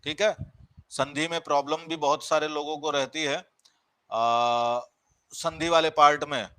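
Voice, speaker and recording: Male teacher, bright tense voice, dry close sound, quizzes the class, drags out key words. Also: on the high side, fairly even intonation, a little slow, smooth, no echo. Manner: explains by repeating and asking the class questions. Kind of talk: live online grammar class.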